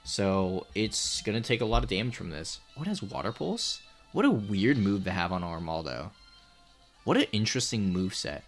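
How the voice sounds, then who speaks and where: A young man giving let's play commentary on a game, excitable, swearing a lot and laughing often. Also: on the low side, moderate pace, faint music behind. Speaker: gaming YouTuber.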